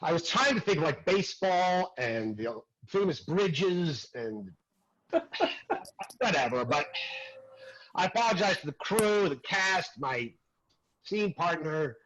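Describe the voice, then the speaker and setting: A man's voice: a little high, takes it slowly, lo-fi sound, full character voice. A man playing a brash, crude acting teacher. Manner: crude, animated, swings between mutter and loud outbursts. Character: brash crude male acting teacher, former dead extra. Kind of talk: comic stage monologue.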